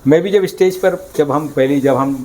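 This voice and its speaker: A man's voice: on the high side, moderate pace, a little mellow. A man leading a live sales training session, coaxing the audience with energy and getting them to chant lines.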